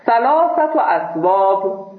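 A man with a high-pitched voice and big pitch swings teaches a seminary class, reading and translating a text phrase by phrase. He explains each piece plainly and now and then cracks a joke. The audio comes from an echoey room over a phone-like line.

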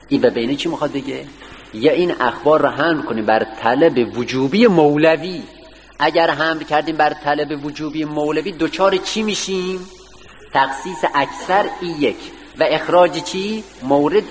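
A male seminary teacher giving a classroom lecture, reading a text line by line and putting questions to his students. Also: mid-range voice. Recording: distant voice with long hall reverb, faint hiss.

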